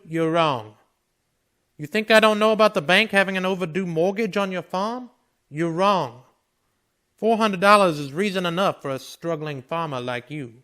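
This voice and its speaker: In an old-time western radio drama, a man plays a steady Old West marshal in a voice that's high for a man. He's stern, blunt, commanding and folksy, with a dry wit beneath the sternness.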